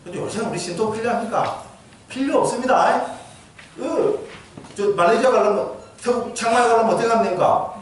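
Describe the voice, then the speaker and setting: A man's voice: very high voice, a little fast, slight background noise. A man with a Gyeongsang accent, a monk giving a dharma lecture who keeps asking the audience questions and checking they follow. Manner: asks the audience questions, frequent 'geujyo?' checks. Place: temple lecture hall. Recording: echoey hall from far off.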